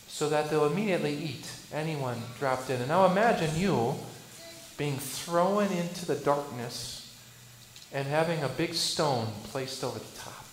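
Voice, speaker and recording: High-voiced man preaching in an echoey church. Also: unhurried, slight background noise. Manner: asks rhetorical questions, swings between loud bursts and hushed lines. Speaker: Lutheran pastor. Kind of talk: sermon.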